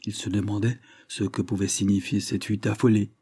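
A man reads a novel aloud in calm, measured narration. His voice is low-pitched and husky. The recording is dry and close. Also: no room sound. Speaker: audiobook narrator. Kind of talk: scripted narration.

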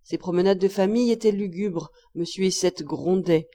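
A woman narrating a classic novel as an audiobook, expressive and lively, jumping high for the characters' cries. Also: moderate pace. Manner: expressive, raises pitch sharply for quoted cries. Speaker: audiobook reader.

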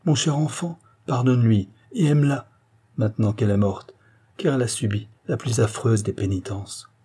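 Grieving dying mom, a guy reading her, raspy dark voice, pleading hard. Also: medium pitch, moderate pace, close to an everyday voice. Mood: tender pleading. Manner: impassioned, pleading. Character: dying middle-aged mother, anguished and grieving. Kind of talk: audiobook reading.

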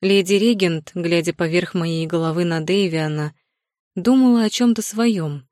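A woman narrating a fantasy novel in the first person with an even, composed delivery. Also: on the low side, a little slow, dry recording, clean studio sound. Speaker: audiobook narrator.

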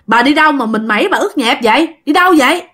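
A gruff older husband, scolding and forceful, as a woman narrator puts him on. The voice stays close to her own high pitch. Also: animated, fast. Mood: worried.

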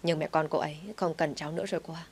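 A woman reading an audio story, voicing a weary young man who talks softly and politely. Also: low voice, steady tone, rapid-fire, husky.

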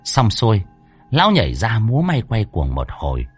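A man narrating a comic story in a lively, expressive way. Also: on the low side, normal speed, husky, faint music behind.

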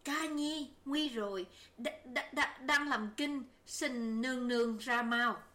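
A woman's voice: medium pitch, animated, takes it slowly, bright, forceful tone. A woman voicing a frightened young servant girl who stammers in panic in an audiobook. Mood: panicked.

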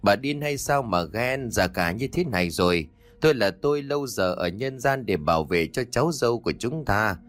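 A man voicing a gruff old henpecked husband. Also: on the low side, animated, moderate pace, no echo, close to an everyday voice. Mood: defensive. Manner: gruff, cursing, defensive.

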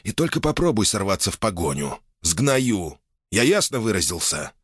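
Guy doing a gruff old boyar boss, bossy and menacing, pitch jumps around a lot. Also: sing-song, normal speed, no echo, clean studio sound. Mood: threatening. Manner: commanding, menacing. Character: stern older male boyar, head of clan.

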